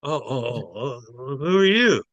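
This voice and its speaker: A man's voice: mid-range voice, lively intonation, measured pace, a bit bright, dry recording, highs cut off. A man voicing a confused drunk who has just been woken on a bench and stammers in surprise. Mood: flustered. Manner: flustered, stammering.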